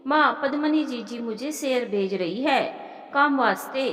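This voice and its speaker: A woman's voice: sits high, a little slow, a bit bright. A woman voicing a worried, puzzled young village husband in a storybook narration, speaking earnestly. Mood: questioning. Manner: questioning, earnest. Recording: roomy with long reverb.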